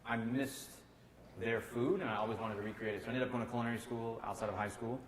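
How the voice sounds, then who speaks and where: In an echoey room with a little faint noise, a Kentucky-born chef in middle age shares stories casually as a guest. His American voice is mid-range and steady in tone, and he talks at a quick pace.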